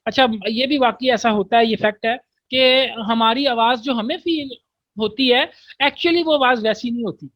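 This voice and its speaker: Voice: mid-range voice, fairly bright tone, no echo. Patient teacher. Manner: reads English lines slowly, then explains them in everyday Urdu; patient, checks understanding often. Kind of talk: online class lecture.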